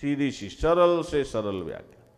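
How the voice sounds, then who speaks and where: A man's voice: on the high side, very animated, measured pace, in a large hall. A man giving a devotional spiritual discourse to a gathering, explaining step by step and often urging listeners to pay close attention. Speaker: spiritual teacher.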